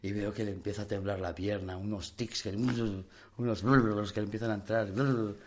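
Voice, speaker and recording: A man's voice: fairly low pitch, fairly even intonation, normal speed. Rambling, slangy Spanish man telling a story. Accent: Spain Spanish. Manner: rambling, slangy, full of fillers and mouth sound effects. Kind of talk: casual anecdote telling.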